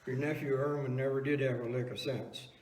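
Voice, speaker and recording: A man's voice: mid-range voice, level tone, fairly quick, a little mellow, lightly acted. A man playing a teasing, folksy older husband in an amateur comedy talk-show skit. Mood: wry, teasing. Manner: folksy, reasoning retorts. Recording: echoey room, distant mic.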